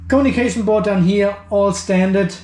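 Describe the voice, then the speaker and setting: A man with a high, darkish voice speaks at a moderate pace in a roomy, echoing indoor space, likely a workshop or garage, with slight background noise. He hosts a casual unboxing and product review video. Handling the item, he talks informally and thinks out loud.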